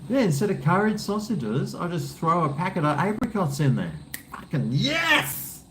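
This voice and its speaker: A man's voice: high voice, sing-song, a little fast. A man with an Australian accent chatting casually to his viewers in a laid-back, blokey, rambling way. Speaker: livestream cooking vlogger. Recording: faint background noise.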